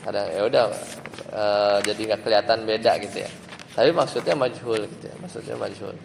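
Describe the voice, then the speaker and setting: A man's voice: lowish voice, fairly quick, gravelly. A man teaching Arabic grammar to a class, explaining step by step and checking with questions. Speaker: Islamic teacher. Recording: long hall reverb, faint ambient noise.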